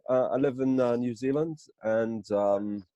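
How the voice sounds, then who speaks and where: A man originally from Israel is introducing himself over a video call. His voice is dark and mellow and sounds dry and close. He rambles gently, with plenty of fillers and restarts. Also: medium pitch, measured pace, dry recording, highs cut off. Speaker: counselor and psychotherapist. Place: home, early morning.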